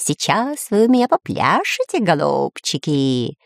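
A woman's voice: deep voice, sing-song, a little slow, vocal fry, dry recording, studio quality, full character voice. A woman voicing a scheming male parrot villain in a storybook reading, shrieking and taunting. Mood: gleeful.

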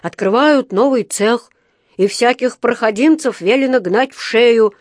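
A woman reading a storybook aloud, voicing an unfriendly male factory gatekeeper who talks in a loud, mocking way. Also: fairly high pitch, unhurried, no room sound, studio quality, voice pushed up, lightly acted. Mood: sneering. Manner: sneering, loud, teasing.

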